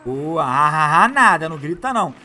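A young man giving excited, heavy gameplay commentary. He repeats phrases and calls out to his viewers. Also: fairly high pitch, moderate pace, a little hiss or hum. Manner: hyped, slangy, repeats phrases, shouts at the screen. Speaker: gameplay youtuber.

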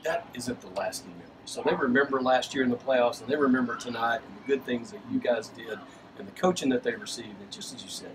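A man's voice: mid-range voice, quick pace. A middle-aged man interviewing a coach after a game, encouraging and upbeat, from a press box. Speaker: sports broadcaster interviewing coach. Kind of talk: postgame interview. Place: press box above a lit ballfield at night. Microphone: headset mic. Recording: distant mic with background noise.

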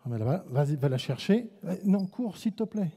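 In an indoor basketball gym with a long hall echo, a French-accented man runs a live coaching clinic, calling short commands and teasing players. His voice is fairly high, warm, and sing-song with a breathy edge, and he talks fairly quickly.

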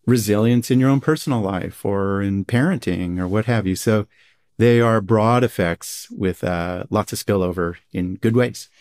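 A man's voice: on the low side, moderate pace, a little mellow. A man, a psychologist guest on a podcast, explaining research enthusiastically in a conversational way. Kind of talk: conversational interview.

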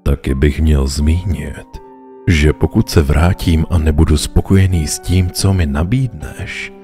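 A man playing a smug male stranger in a horror story who bargains for sins, speaking in a slow, oily and almost bored way. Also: extremely low pitch, dark tone, faint music behind. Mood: bargaining.

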